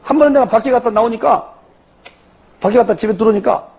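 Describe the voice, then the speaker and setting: An older man with a Jeolla accent, a church elder telling his testimony in an animated way and tossing in rhetorical questions. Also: extremely high pitch, fast, gravelly, husky. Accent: Jeolla Korean. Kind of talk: spoken testimony before a congregation.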